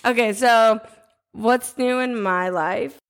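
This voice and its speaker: A woman's voice: fairly high pitch, slow pace. A young woman co-hosting a podcast in casual chat, teasing and easygoing. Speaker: podcast co-host.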